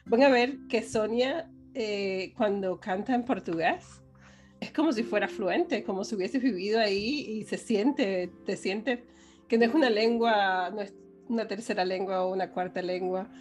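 A woman's voice: medium pitch, unhurried, faint music behind. A woman hosting an interview, encouraging her guest and talking to her viewers. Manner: warm, encouraging, addresses her audience. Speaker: interview host. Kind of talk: casual interview chat.

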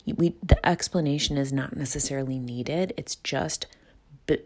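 A woman's voice: very deep voice, normal speed, darkish tone, slightly rough. A woman hosting a solo self-help podcast, speaking earnestly and reflectively, often rephrasing and repeating herself for emphasis. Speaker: podcast host and coach.

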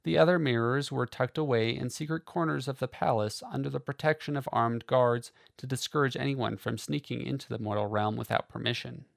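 Gravelly male audiobook narrator. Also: medium pitch, no echo, studio quality. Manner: steady, measured reading. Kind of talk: scripted fantasy novel narration.

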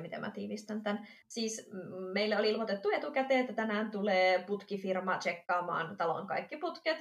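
A woman chatting on a podcast, spinning a lively story and acting out what people said. Her voice sits at a middle pitch, and there is a roomy echo around her. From Finland. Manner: lively storytelling, acts out dialogue with laughs. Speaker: podcast co-host. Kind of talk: casual chat. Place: lives in Amsterdam.

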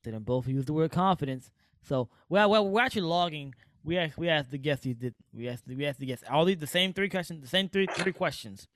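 A man hosts a podcast in a laid-back, casual way, full of easy slang. His voice sits a little on the high side. The recording is dry and close. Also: expressive, brisk, a bit bright, no echo. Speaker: podcast host. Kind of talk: casual chat.

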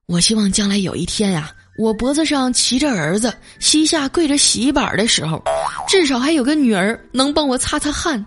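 A woman's voice: on the high side, lively intonation, a little fast, lightly acted. A woman voicing a henpecked, pleading young husband in a comic story. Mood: wistful.

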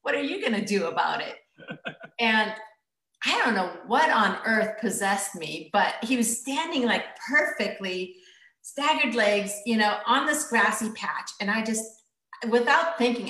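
A middle-aged woman tells a story from her past in a casual interview, bright-voiced and animated. She laughs often and acts out the people in it. The room is roomy and echoes. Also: medium pitch, measured pace. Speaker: guest.

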